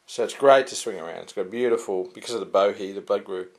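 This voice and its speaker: A man's voice: on the low side, fast talker. Casual man reviewing swords. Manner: rambling and hesitant, many "uh" fillers and restarts.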